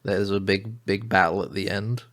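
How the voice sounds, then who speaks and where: A British man co-hosting a podcast, chatting casually with a dry, joking delivery and a throat going hoarse. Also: on the low side, steady tone, moderate pace. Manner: dry, joking delivery with loud acted-out shouts. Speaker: podcast co-host. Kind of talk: casual comedic chat.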